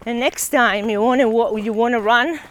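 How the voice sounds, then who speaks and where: A woman coaching a runner outdoors on a hilly trail, giving steady, encouraging instructions. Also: on the high side, moderate pace. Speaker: running coach. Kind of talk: coaching on the run.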